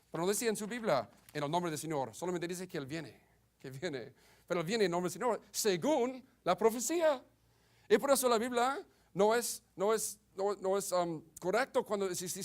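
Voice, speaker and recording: A man preaching a sermon in a hesitant way, often stumbling and restarting words. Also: high voice. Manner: halting, many restarts and stammers. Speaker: Baptist preacher.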